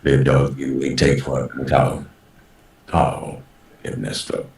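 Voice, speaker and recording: A man putting on a disguised deep voice through an AI voice changer during casual chat, joking as a deep-voiced figure. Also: unhurried, a little mellow, reverberant, exaggerated voice. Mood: mocking. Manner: disguised deep voice, gravelly and garbled. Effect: AI voice changer deepening the voice.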